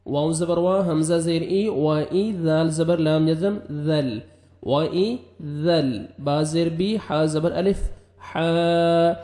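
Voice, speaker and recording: Male Quran teacher, raised voice with a mellow tone, quick explanations between slow drawn-out recitation. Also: a little high, reverberant. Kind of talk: tajweed recitation lesson.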